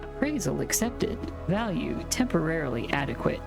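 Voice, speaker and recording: A woman's voice: deep voice, sing-song, moderate pace, gravelly, music in the background, heavily acted. A woman voicing a cold, cryptic alien in a game, speaking in clipped, broken phrases without emotion. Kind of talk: reading game dialogue aloud.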